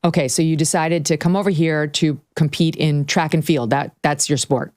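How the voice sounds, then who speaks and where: A woman with a low, steady voice hosts an interview and reads ads. She asks brisk, direct questions. The sound is close and dry. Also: no echo. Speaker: host.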